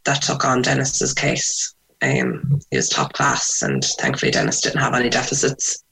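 A woman with a west of Ireland accent recounting personal memories in an interview, reflective and pausing softly as she goes. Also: a bass voice, big pitch swings, gravelly, husky, rough recording. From Sligo, west of Ireland.

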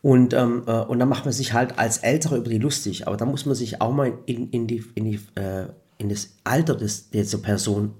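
A man in casual conversation, recounting anecdotes with lively energy. He stumbles into fillers and restarts as he talks. His voice sits at an ordinary male pitch. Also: brisk, hardly any pauses. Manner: animated storyteller, many fillers and restarts. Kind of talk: casual chat.

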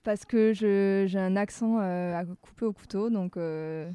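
A woman's voice: medium pitch, a little slow, warm tone, clean tone, no room sound. A woman from Toulouse, a guest DJ, speaking hesitantly with many fillers in a casual podcast chat. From Toulouse, France.

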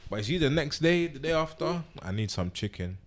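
A man's voice: on the high side, big pitch swings, fairly quick. A young man with a London accent chatting and telling anecdotes casually, in slang, repeating himself for emphasis.

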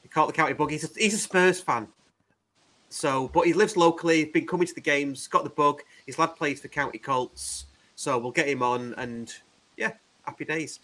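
Man, podcast host, sharp bright tone, fairly high pitch, casual chat. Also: normal speed. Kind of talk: casual chat, running through show plans.

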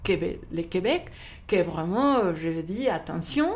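A woman bookseller, not a native French speaker, talks about books in an interview in a fairly low, animated voice at a measured pace. She's hesitant, with many fillers and restarts.

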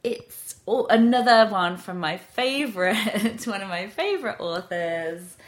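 A woman's voice: medium pitch, animated, unhurried. A British woman hosting a podcast, chatting casually and telling stories. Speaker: podcast host. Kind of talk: casual chat and storytelling.

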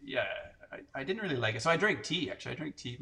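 A Canadian man in his forties chats casually, rambling through stories packed with fillers and restarts. His mid-range voice moves fast with big pitch swings and sounds creaky, bright, and forceful.

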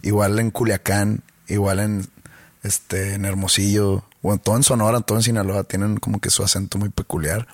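A man from Mexico co-hosts a casual podcast and keeps his replies dry and deadpan. His voice is low and the recording is dry and close. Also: normal speed, no echo. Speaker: podcast co-host. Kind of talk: casual chat.

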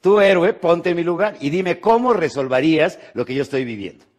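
A Mexican man giving a live motivational talk to an audience, joking and asking rhetorical questions, his voice jumping from loud bursts to quiet asides. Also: on the high side, expressive, brisk. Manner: jokey, rhetorical, checks in with "¿sí?". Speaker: motivational speaker. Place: conference hall with live audience.

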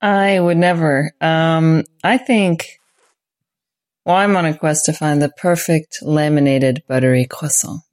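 A woman's voice: low voice, measured pace, darkish tone. A woman, a player on a tabletop game podcast, chatting casually in an earnest, enthusiastic way.

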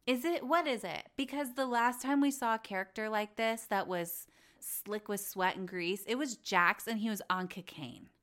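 A young adult woman hosting a casual chat show, gossipy and opinionated, slipping into quick mocking impressions. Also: on the high side, fairly bright tone. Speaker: podcast host recapping reality TV.

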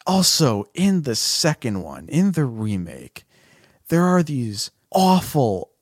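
A man's voice: mid-range voice, very animated, takes it slowly, no echo, studio quality. A man co-hosting a podcast, chatting casually about films, laughing often and swearing freely. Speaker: podcast co-host. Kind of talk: casual film review chat.

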